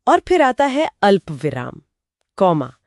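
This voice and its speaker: A woman with a mid-pitched voice explains with examples on a podcast, and her pitch moves a lot. She often chimes in with short agreements. The recording is dry and close. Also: wildly swooping pitch, measured pace, dry recording. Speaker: podcast co-host.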